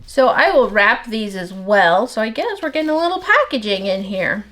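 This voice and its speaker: Working away in her home soap workshop, a middle-aged woman from the United States rambles in casual conversation, words tumbling out with barely a breath between them. Her voice is mid-range, slightly nasal, a bit bright, with lively intonation.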